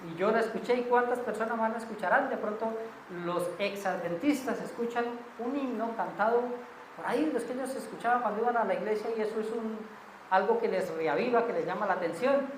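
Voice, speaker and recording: A woman's voice: mid-range voice, a little fast. Woman, church Bible study, conversational, checks in with listeners, echoey room, faint background noise. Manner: conversational, asks the group "¿cierto?" often.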